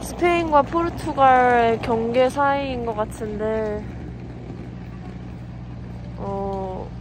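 A woman talking through a face mask, narrating her travel vlog in an unhurried, thinking-aloud way. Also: fairly high pitch. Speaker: travel vlogger. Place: bus station and night bus journey. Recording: clear vehicle and street noise behind.

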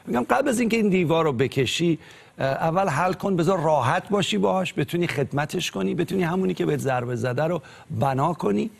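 Earnest young man with a gravelly voice. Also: on the high side, expressive. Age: 20s. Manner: earnest, hesitant with fillers.

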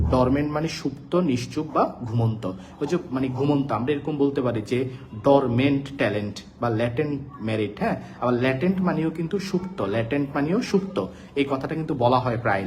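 A man's voice: medium pitch, a little mellow. Man drilling vocabulary in a live class. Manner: repetitive drilling of words and meanings; addresses students directly, asking check questions. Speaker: teacher. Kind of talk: live online vocabulary lesson.

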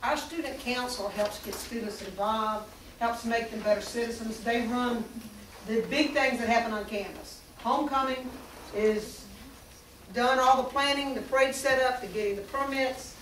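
A woman's voice: on the high side, normal speed, a bit bright. A middle-aged woman, reading names and thanking students at a school board meeting, recorded from a far camera in a large room. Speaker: school board member presenting awards. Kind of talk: public meeting recognition remarks. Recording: echoey room from far off, noisy.

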